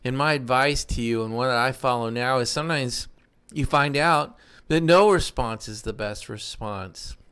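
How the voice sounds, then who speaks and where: A man's voice: medium pitch, gravelly, a bit bright, clean tone. A man, giving a casual, earnest motivational talk. He reflects on his own failings in a self-deprecating way. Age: 50s. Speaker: self-improvement podcast host.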